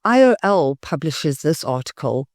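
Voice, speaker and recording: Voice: mid-range voice, big pitch swings, unhurried, no room sound, clean studio sound. Scathing political vlogger. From South Africa. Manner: emphatic and scathing, leans hard on key words. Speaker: political YouTuber. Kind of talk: opinionated political commentary vlog.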